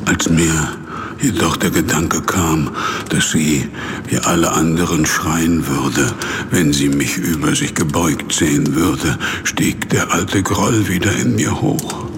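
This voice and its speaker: A man's voice: extremely low pitch, noisy background, heavily acted. A man playing a lonely, misshapen monster in an audio drama, brooding, bitter and anguished. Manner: slow, brooding, swelling into anguished outbursts. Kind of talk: audio drama acting and narration.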